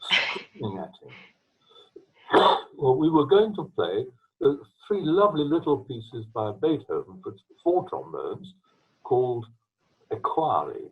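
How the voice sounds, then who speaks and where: An older man from England, a retired trombonist, telling long rambling stories from his career with restarts and throat-clearing, speaking from home over a video call. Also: mid-range voice, big pitch swings, slow. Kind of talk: storytelling interview. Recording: tinny video call line.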